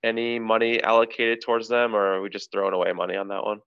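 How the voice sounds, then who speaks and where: A man hosting a casual sports podcast, telling jokes in a relaxed way. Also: on the low side, quick pace, gravelly, smooth. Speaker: podcast host. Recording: dull lo-fi sound.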